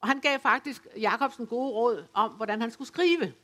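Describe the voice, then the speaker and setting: A woman from West Funen giving an academic lecture, speaking in a measured, explanatory way with occasional hesitations. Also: a little high, sharp tone. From West Funen, Denmark. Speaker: lecturer on dialect literature. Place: folk high school lecture venue.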